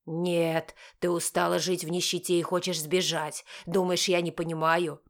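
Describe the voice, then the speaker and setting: A woman's voice: lowish voice, little pitch movement, moderate pace, close to an everyday voice. A woman voicing a stern, bitter middle-aged father in an audiobook, speaking in curt, accusing bursts. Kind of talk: audiobook character voice.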